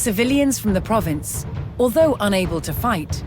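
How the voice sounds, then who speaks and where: Over background music, a narrator tells a game's story in scripted, documentary style, measured and dramatic. The voice is medium in pitch with lively intonation.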